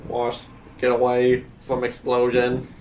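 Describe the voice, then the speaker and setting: A man playfully voicing a male robot in halting, clipped phrases during a gameplay stream. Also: medium pitch, monotone, darkish tone, slight background noise, close to an everyday voice. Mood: deadpan robotic. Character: flat-voiced male robot, slow, clipped and mechanical. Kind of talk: playful voice during game commentary.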